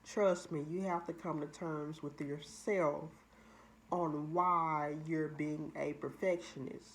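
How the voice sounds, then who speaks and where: A woman's voice: deep voice, steady tone, takes it slowly, slight background noise. A woman hosting her own channel, giving a candid, confessional motivational talk drawn from her own experience. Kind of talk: motivational personal vlog talk.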